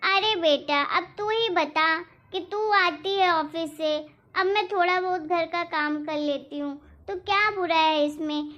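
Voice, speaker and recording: A woman voicing a kind, hardworking older mother-in-law in a cartoon, speaking in a gentle, patient, pleading way. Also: very high-pitched, measured pace, heavily acted. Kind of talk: cartoon voice acting. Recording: dull lo-fi recording.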